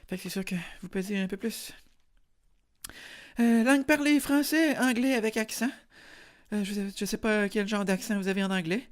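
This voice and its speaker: A young man with a Quebec French accent, hosting a podcast as a deadpan mock interview, rambling with many hesitations. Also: sits high, normal speed, pauses often. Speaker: podcast host.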